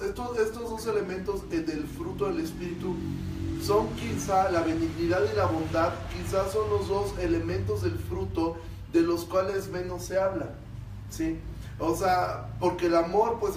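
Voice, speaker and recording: A Mexican pastor with a high voice leads a Bible class, explaining step by step and checking in with his class. He is heard from a distance in a reverberant room, with faint noise underneath. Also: a little mellow. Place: church meeting room. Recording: echoey room, voice from far off.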